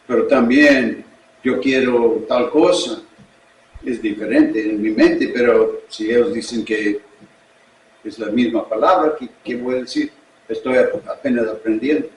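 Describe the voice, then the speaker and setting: Male pastor with an English accent, preaching slowly in his second language; recorded in a roomy space from a distance. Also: medium pitch, slight background noise. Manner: slow, deliberate preaching in a learned second language. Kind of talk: sermon. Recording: echoey room, distant mic.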